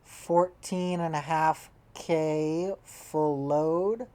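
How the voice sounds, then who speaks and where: A woman's voice: low-pitched, steady tone, extremely slow, dark tone. A woman playing a strategy game, thinking aloud and musing to herself, often trailing off mid-thought as she tallies numbers. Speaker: game player. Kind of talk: casual gameplay commentary, thinking aloud.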